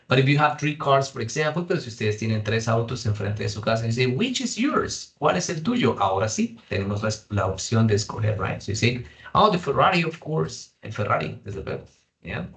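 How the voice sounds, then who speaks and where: A man's voice: fairly low pitch, expressive, fairly quick. Bilingual man teaching English. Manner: switches between English and Spanish, repeating each point. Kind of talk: bilingual online class.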